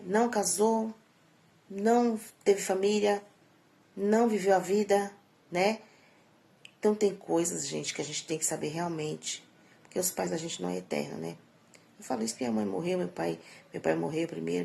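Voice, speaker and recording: A middle-aged woman speaks straight to her viewers in a casual vlog, with a gravelly, creaky edge to her voice. She talks in a chatty, preachy way and keeps tagging her sentences with little questioning asides. Her tone grows emphatic and scolding as she lectures. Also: fairly low pitch, dark tone. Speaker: vlogger. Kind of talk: casual vlog monologue giving life advice.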